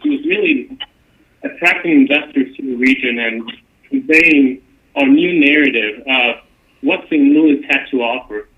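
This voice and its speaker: A man originally from Honduras introduces himself at a public meeting, earnest and a little rushed, with the odd filler. The sound is narrow and tinny, like it came through a phone line. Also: medium pitch. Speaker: economic development director. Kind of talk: formal self-introduction.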